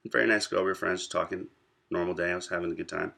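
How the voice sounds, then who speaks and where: A man in his twenties from the United States, telling a personal story to camera in a reflective, pausing way. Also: low voice, steady tone, gravelly, bright, forceful tone. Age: 20s. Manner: reflective, pausing often between thoughts. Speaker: vlogger.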